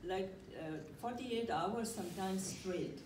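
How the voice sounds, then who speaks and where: Speaking slowly in a medium-pitched voice, an older workshop participant tells a personal story, hesitant and full of fillers, as if in conversation. She uses a handheld mic in a community room, though it's held at a distance, and the recording is echoey and noisy.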